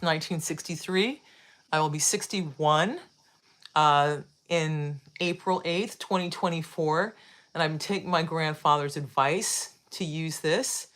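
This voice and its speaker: With a low, slightly bright voice, a sixty-year-old woman leads a live video, walking viewers through a demonstration in a relaxed, instructional way. She frequently uses tag questions and says things more than once.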